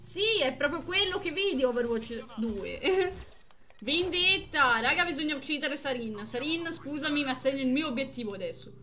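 Bright-voiced excitable woman streamer. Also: sits high, moderate pace. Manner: excitable, exclaims and chats with viewers. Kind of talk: live gameplay commentary.

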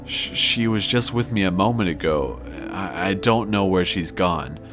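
A man's voice: sits low, expressive, unhurried, music in the background. A man voicing a drunk, creepy stranger who pleads in a slurred, stammering way. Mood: pleading.

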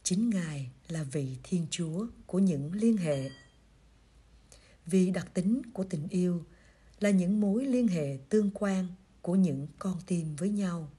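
Very breathy, slow-reading woman. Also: on the low side, lively intonation. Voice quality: very breathy, husky voice. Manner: gentle, measured storytelling delivery. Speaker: reader of a priest's pastoral letter. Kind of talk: scripted reading of a pastoral reflection.

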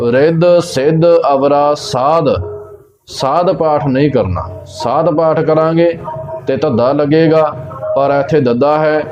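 A man teaching the correct recitation of scripture, reading verses slowly and carefully and explaining how each word is pronounced. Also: a little high, darkish tone. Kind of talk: slow recitation lesson. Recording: dull lo-fi audio with faint music.

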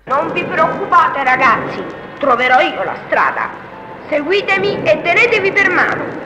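A man's voice: very high-pitched, expressive, moderate pace, reverberant, noisy background, pitched above the performer's own voice. A man voicing a brave, clever little boy who eagerly rallies his siblings. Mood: encouraging. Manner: eager, rallying calls.

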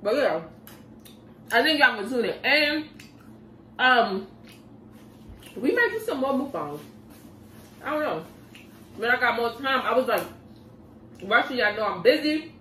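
A woman's voice: a little high, sing-song, a little slow, pauses often, fairly bright tone, a little hiss or hum. A woman vlogger chatting casually in slang while eating, talking between bites at home. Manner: laid-back and slangy, talks between bites. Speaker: mukbang vlogger. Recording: echoey room from a distance.

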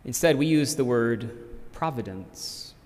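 A man around forty, a priest giving a funeral homily in gently paused, careful phrases. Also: medium pitch. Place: church, at the lectern. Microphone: gooseneck lectern microphone. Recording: reverberant church.

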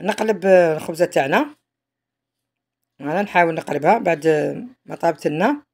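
A woman's voice: fairly low pitch, expressive, brisk, darkish tone, slightly rough. A woman with an Algerian Arabic accent, narrating a home cooking tutorial in a chatty way, often trailing off mid-phrase. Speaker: home cook.

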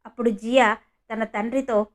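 A woman reading a scripted story as narrator, in an even storytelling manner. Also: fairly high pitch, moderate pace.

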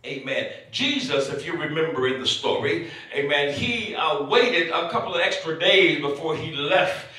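A man's voice: fairly high pitch, animated, normal speed, bright, forceful tone. A man preaching a sermon at a pulpit microphone, dropping frequent amens between phrases. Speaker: bishop preaching. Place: church sanctuary. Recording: echoey church sanctuary, mic at a distance.

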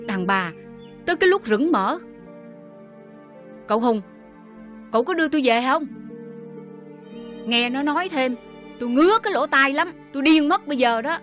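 An actress with a Southern Vietnamese accent playing a bitter older mother who scolds her daughter with sharp sarcasm. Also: sits high, expressive, moderate pace, long pauses, faint music behind. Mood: scornful anger.

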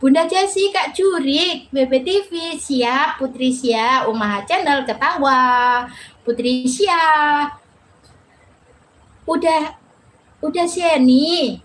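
Woman, high-pitched, chatty live-stream host greeting viewers; faint background noise. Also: takes it slowly, long pauses, a bit bright. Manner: chatty, reads viewer names aloud, laughs often.

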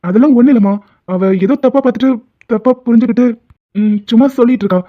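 A woman's voice: on the high side, fast talker, natural voice. Woman voicing a flirty cartoon husband, tinny. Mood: flustered. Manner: flirtatious, defensive explaining. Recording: tinny phone-like sound.

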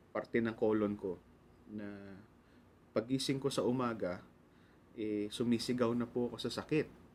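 A man's voice: lowish voice, slight background noise. Earnest Filipino man preaching devotionally. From Philippines. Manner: earnest, mixes Tagalog and English, polite "po". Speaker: radio pastor. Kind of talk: devotional sermon.

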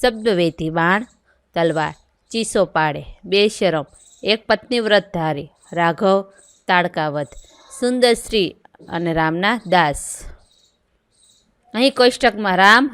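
A woman's voice: medium pitch, unhurried, pauses often, a bit bright, clear, resonant tone, dry recording. A woman teacher reading a worksheet aloud, going through items and answers one by one. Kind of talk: worksheet lesson read aloud.

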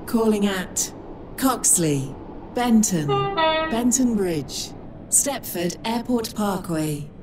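A woman giving a recorded train station announcement in a measured, evenly spaced announcer delivery. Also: mid-range voice, expressive, background noise. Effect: automated train station announcement. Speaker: platform announcer.

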